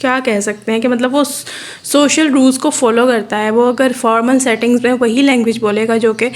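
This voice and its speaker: A woman from Pakistan with a Pakistani accent, giving a steady, explanatory lecture and repeating her points. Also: fairly high pitch, normal speed. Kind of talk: explaining a lesson in Urdu mixed with English terms.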